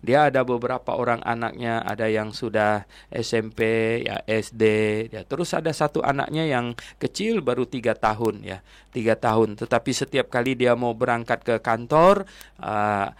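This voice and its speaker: A man's voice: mid-range voice, no echo. Earnest older man preaching, dry sound. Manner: earnest preaching, fillers like "ya" and "nah", repeated appeals to listeners. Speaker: pastor. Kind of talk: radio-style Bible sermon.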